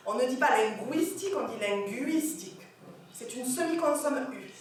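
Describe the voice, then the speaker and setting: A woman French teacher giving an animated lecture on pronunciation, checking in with her audience as she goes. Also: high-pitched, fairly quick. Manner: animated, corrects pronunciation, asks the audience questions. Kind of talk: lively classroom lecture. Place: lecture hall. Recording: echoey hall from far off, faint hiss.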